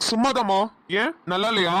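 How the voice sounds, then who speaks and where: A woman's voice: mid-range voice, fairly bright tone, dry recording, pitched below the performer's own voice, close to an everyday voice. A woman with a Namakkal Tamil accent voicing a teasing, protective young husband in a cartoon. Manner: teasing, quick retorts.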